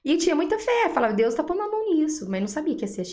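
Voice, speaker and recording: Speaking very fast in a high-pitched voice, a woman with a Brazilian Portuguese accent gives her faith testimony as an interview guest. She narrates with liveliness and plays out the quoted conversations.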